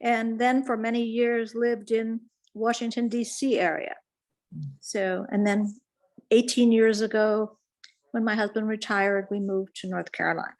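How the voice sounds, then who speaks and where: An older woman from Pittsburgh, with a fairly high voice, introduces herself on a video call. She chats easily and strings her sentences together loosely. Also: little pitch movement, a little slow, poor audio. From Pittsburgh, United States. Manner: chatty, loosely strung sentences. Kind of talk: casual self-introduction.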